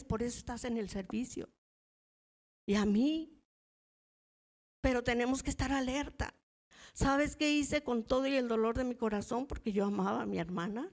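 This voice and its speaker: A woman's voice: sits high, creaky. A middle-aged woman with a Mexican Spanish accent, teaching in church and telling personal stories in a conversational way, often asking the audience to agree. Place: church hall.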